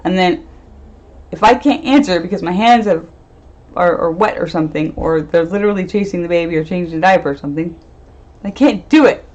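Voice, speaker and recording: A woman's voice: on the low side, a little fast, darkish tone. A woman doing a casual live-stream tarot reading, chatty, laughing often and trailing off into fillers. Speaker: medium and tarot reader. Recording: dull lo-fi stream audio.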